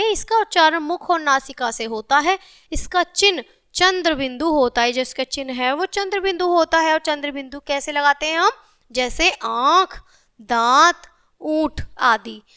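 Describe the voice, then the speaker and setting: A woman with a high, bright voice teaches children a grammar lesson. She spells out letters piece by piece at a careful pace and keeps checking in with the class. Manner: spells out letters slowly, often says "theek hai".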